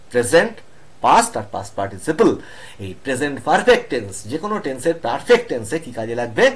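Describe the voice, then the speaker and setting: A man teaching English grammar in an online lesson. He says example sentences slowly and keeps checking with the students. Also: mid-range voice. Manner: slow, drawn-out example sentences; keeps asking "all right?" to students.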